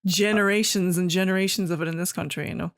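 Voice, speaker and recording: Gravelly-voiced woman host. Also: on the low side, fairly even intonation, fast talker. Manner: frank, swears casually, reflective. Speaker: podcast host. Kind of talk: casual chat.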